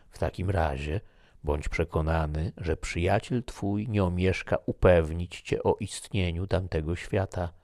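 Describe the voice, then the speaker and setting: A man's voice: deep voice, a little mellow, dry recording, studio quality. A man doing a grave fatalistic soldier. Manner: slow, solemn, measured. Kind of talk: audiobook character reading.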